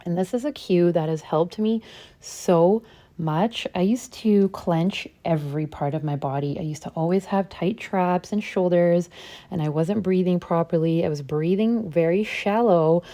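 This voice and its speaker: Female breathing instructor, soothing and gently coaxing, very soft-edged warm tone, slightly low register. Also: measured pace. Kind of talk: guided breathing and body scan instruction.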